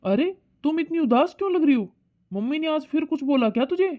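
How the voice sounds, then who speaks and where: Woman putting on a caring young husband in a cartoon, gentle and worried, highish voice, tinny phone-like audio. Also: expressive, brisk. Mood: concerned. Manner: concerned, gentle questioning. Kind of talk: cartoon voice acting.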